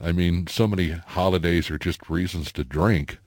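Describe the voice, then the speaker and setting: A man as a guest on a radio show in a studio, chatting casually with wry, deadpan jokes. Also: low-pitched, normal speed, no echo. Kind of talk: casual talk-radio chat.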